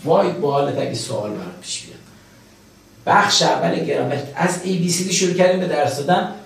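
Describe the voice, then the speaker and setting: Gravelly man teaching English. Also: fairly high pitch, lively intonation, roomy sound, slight background noise. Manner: chatty, addresses students as kids, repeats English phrases slowly. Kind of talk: recorded screen-share grammar lesson.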